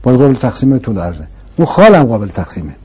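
Man, mellow dark tone, slightly husky, patient explainer, emphatic, repeats key points. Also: mid-range voice, very animated. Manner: patient, emphatic, uses rhetorical questions and repetition. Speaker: scholar explaining philosophy to an interviewer. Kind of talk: explanatory conversational lecture.

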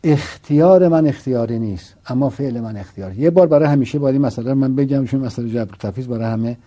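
Speaking in a dark, mid-range voice, a man teaches through a philosophical argument. He leans on rhetorical questions and says key points again to hammer them in.

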